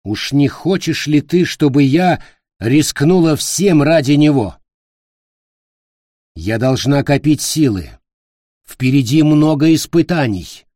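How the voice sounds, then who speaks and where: A man reading an audiobook, voicing a proud, imperious fairy queen in a higher, louder voice. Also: animated, slow pace, no echo, clean studio sound.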